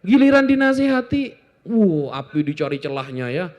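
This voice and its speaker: A man from Indonesia, talking informally to an audience in a joking, animated way with lots of asides. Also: sits high, moderate pace, highs cut off. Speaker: Islamic apologetics speaker.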